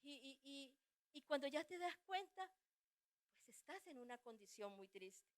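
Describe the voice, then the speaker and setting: A middle-aged woman giving a fervent church testimony, pleading, swinging from hushed words to loud cries. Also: high voice, very animated, unhurried. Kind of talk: testimony sermon.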